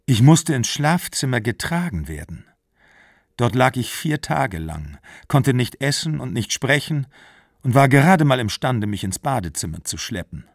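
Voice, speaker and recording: A distraught young mother pours out her fear in an earnest, pleading way, voiced by a male audiobook reader. The voice is gravelly and sits close in a dry, deadened sound. It keeps a steady, literary reading pace. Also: medium pitch, moderate pace, no room sound. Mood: desperate.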